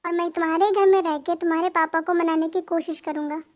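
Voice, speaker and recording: A woman's voice: extremely high pitch, fairly even intonation, a little fast, darkish tone. A woman voicing a polite, reassuring young man in an amateur fan dub. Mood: playful. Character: young man, caring secret lover posing as chef. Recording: dull lo-fi home recording.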